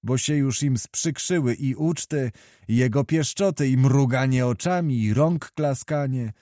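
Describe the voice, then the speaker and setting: A man's voice: mid-range voice, unhurried, dark tone, dry recording, studio quality, close to an everyday voice. A man doing a deferential courtier.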